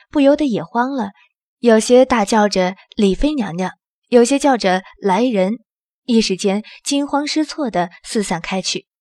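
A woman narrating an audio drama in the first person with a steady storytelling manner. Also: on the high side.

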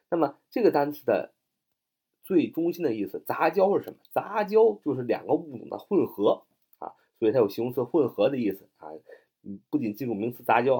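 A man's voice: mid-range voice, slightly rough. A man teaching English vocabulary, spelling words letter by letter and explaining with memory tricks, chatty with many fillers. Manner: chatty, animated, frequent "啊" fillers.

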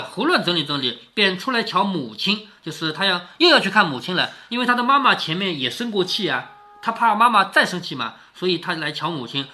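A man's voice: high-pitched, sharp tone. A middle-aged man reading a classic novel aloud to his daughter in a casual way, stopping often to explain and to ask rhetorical questions. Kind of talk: casual read-aloud with commentary.

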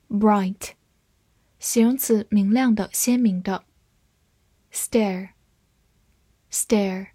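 A woman teaching English vocabulary in a scripted lesson, reading each word twice and then its meanings in an even voice. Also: medium pitch, breathy edge, dry recording.

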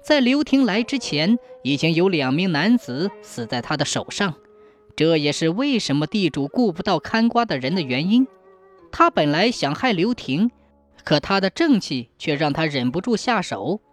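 Lively expressive woman storyteller. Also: fairly low pitch, moderate pace, faint music behind. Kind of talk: scripted story narration.

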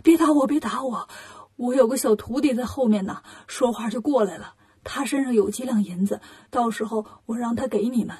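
A woman voicing a timid, fretful old male monk in a storybook reading, speaking softly and meekly. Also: fairly high pitch, a little fast, few pauses, husky. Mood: meek pleading.

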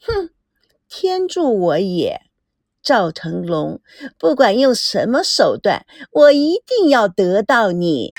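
A woman's voice: medium pitch, huge pitch swings, takes it slowly, dry recording, exaggerated voice. A woman voicing a scheming, determined young woman who talks in a smug, coaxing way.

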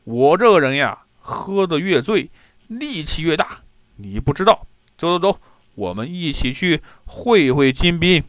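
Brief: a man doing a loud, jovial drunk general in an audio storybook; lively, swooping delivery, slow and drawn out. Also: on the high side, no echo. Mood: rowdy. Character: boisterous hard-drinking male general.

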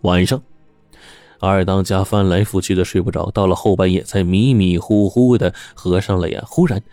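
A man with a low, mellow voice narrates a ghost story in a steady, suspenseful manner. The sound is close and dry. Faint music plays underneath. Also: moderate pace, dry recording.

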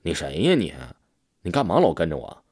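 Man doing haunted young village man, hesitant, hushed, lively pitch. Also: fairly quick, breathy edge, no room sound, clean studio sound, full character voice. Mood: angry.

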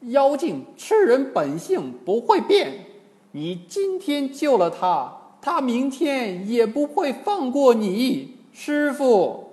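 A man voicing a brash, heroic male monkey king disciple in a storybook reading, loud and insistent. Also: very animated, slow, husky, exaggerated voice. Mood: furious. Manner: shrill, forceful and insistent. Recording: long hall reverb.

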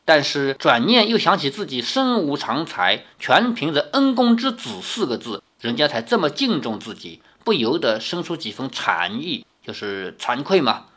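A man narrating a novel as an audiobook, reading expressively and breaking off for relaxed, chatty asides. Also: medium pitch.

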